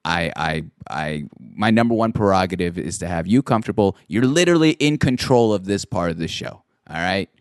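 Lively low-voiced male interviewer. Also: fairly quick, clear, resonant tone, no echo, studio quality. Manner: friendly, reassuring, filler-heavy. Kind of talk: casual interview.

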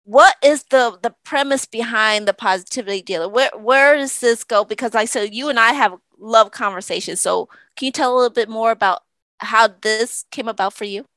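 A woman hosts an interview podcast in a friendly, loose manner with some fillers. Her voice sits somewhat high. The sound is dry and close, as on a video call. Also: fairly quick, a bit bright, no echo. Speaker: podcast host. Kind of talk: casual interview chat.

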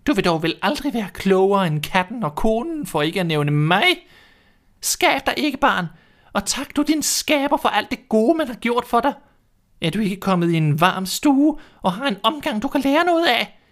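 A bossy, self-important old hen lectures in a shrill, piercing squawk. Her voice sits far above a plain speaking voice and comes out loud and pinched. Every line she speaks is a scolding. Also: big pitch swings. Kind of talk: storybook reading.

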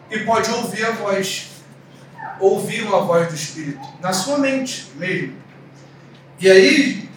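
A young man preaching a teaching sermon, telling a story with animated energy and repeating words for emphasis. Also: high-pitched, slight background noise. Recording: echoey room from a distance.

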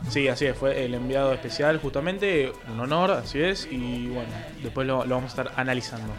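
A man's voice: mid-range voice, fairly quick, over music. A man with an Argentine accent co-hosting a radio show, hesitant and full of fillers. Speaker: radio co-host. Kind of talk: casual studio radio chat.

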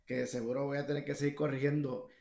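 A man's voice: mid-range voice, little pitch movement, quick pace, creaky, over a noisy crowd. A young Puerto Rican man chats as a guest musician over a video call. He rambles, filling his talk with fillers and restarts. His voice sits mid-range and sounds echoey, as if from a bare room. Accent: Puerto Rican Spanish. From Puerto Rico. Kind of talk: casual interview talk.

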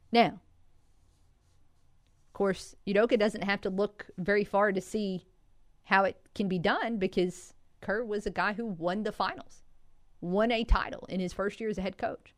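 A woman's voice: mid-range voice, no room sound, clean studio sound. A woman hosting a sports talk radio show, breaking down stats in a conversational way and taking calls. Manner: conversational, stat-driven analysis.

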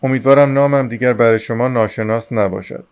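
Man reading as a pompous middle-aged suitor, stiff, formal, halting, mid pitch. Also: steady tone, clean tone, muffled recording, close to an everyday voice.

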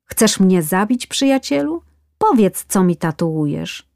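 A woman's voice: medium pitch, very animated, a little slow, gravelly, dark tone, no room sound, studio quality. A woman voicing a whining man getting a tattoo, complaining and pleading in a storybook tale. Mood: pained.

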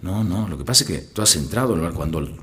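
Grown son, teasing and matter-of-fact, low voice, as a man acts him out in a joke. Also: lively intonation, fast talker, fairly bright tone. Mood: explaining. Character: grown son scolding his drunk father.

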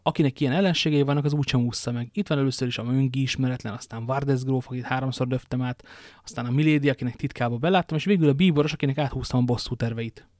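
A man reading the part of a young, hot-headed male musketeer in an audiobook, impetuous and quick to despair. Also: mid-range voice, darkish tone, no room sound, close to an everyday voice. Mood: agitated.

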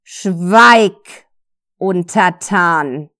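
A woman's voice: medium pitch, measured pace, darkish tone, lightly acted. A woman voicing a haughty, scheming female cat goddess in an audiobook, imperious and coaxing in turn.

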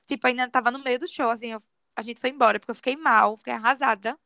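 A woman telling a personal story to a friend in a confiding, animated way. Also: a little high, quick pace, no room sound, studio quality. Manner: animated confiding storyteller, often says "amiga". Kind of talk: casual storytelling chat.

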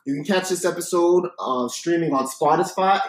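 Higher-pitched young man, echoey podcast chat. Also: normal speed. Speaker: podcast co-host. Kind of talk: casual chat. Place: basement, indoors. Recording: echoey basement room.

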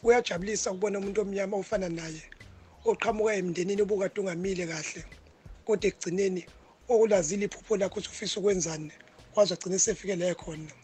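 A man's voice: sits high, steady tone, rapid-fire, a little mellow, slight background noise. A South African man with a Zulu accent, leaving a congratulatory voice note for a radio show. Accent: South African Zulu-language.

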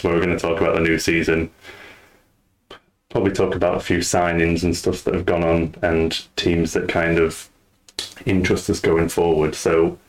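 A man hosting a casual podcast chat, talking in a relaxed, rambling way. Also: sits low. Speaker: podcast host.

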